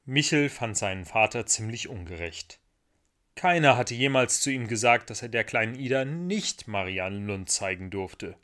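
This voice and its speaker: Guy reading a kids' story out loud, voice goes up and down a lot, gentle. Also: fairly low pitch, lively intonation, moderate pace.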